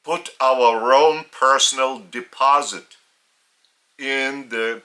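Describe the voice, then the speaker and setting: Speaking English with a Lithuanian accent, a man whose first language is Lithuanian delivers a grave spiritual lesson, unhurried, with long silences between phrases. His mid-range voice holds a steady, sharp tone.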